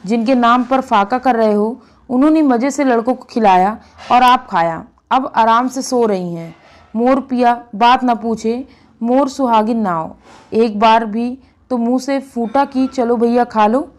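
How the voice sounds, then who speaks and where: Scornful young village wife in a storybook reading , read by a woman, taunting and cutting, voice a little high. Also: measured pace, natural voice.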